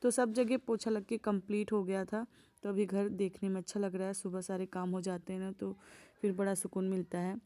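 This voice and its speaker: A woman talks through her morning housework in a homely, conversational voice-over. Her pitch sits in the middle and barely rises or falls, so the voice stays level and calm throughout. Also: brisk. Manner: homely, chatty, gentle storytelling. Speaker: vlogger. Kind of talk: voice-over narration of daily chores.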